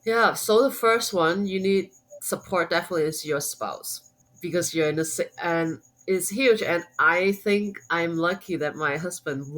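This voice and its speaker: The audio is poor, but her voice comes through low-pitched with a fairly bright tone. A Cantonese-speaking homeschooling mom and blogger from Hong Kong, she's a guest on a podcast interview, speaking accented English as a second language with many fillers and restarts.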